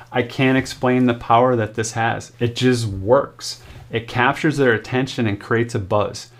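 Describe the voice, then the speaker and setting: An upbeat man narrates a sales story in a mid-pitched voice. He drives his points home with punchy, emphatic numbered advice. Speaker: sales consultant and show host. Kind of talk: narrated case study and advice.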